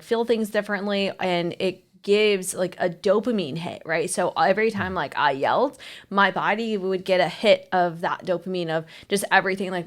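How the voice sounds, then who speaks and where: A woman co-hosting a casual talk about marriage, speaking frankly and with many fillers. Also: on the low side. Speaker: marriage coach, co-host.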